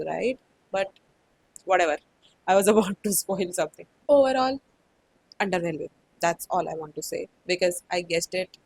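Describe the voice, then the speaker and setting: A woman's voice: fairly low pitch, darkish tone, slight background noise, rough recording. A woman with an Indian accent chatting casually about books she read, full of "like" fillers and slipping into Hindi phrases now and then. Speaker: book vlogger. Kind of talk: casual book review chat.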